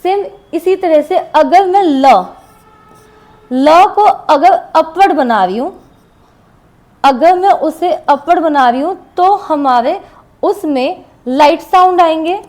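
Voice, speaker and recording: High-voiced woman teaching shorthand slowly. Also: a little mellow. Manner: slow, patient, repeats words while writing examples. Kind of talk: classroom lesson explaining shorthand strokes.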